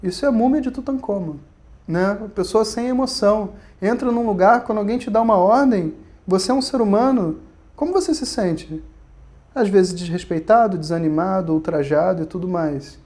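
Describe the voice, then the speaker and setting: The same kind of Vedanta lesson comes from a man whose high voice carries a darkish tone at a normal pace. Speaking with a Brazilian Portuguese accent, he tells stories in a relaxed, conversational way and frequently uses tag questions in this recorded online lecture.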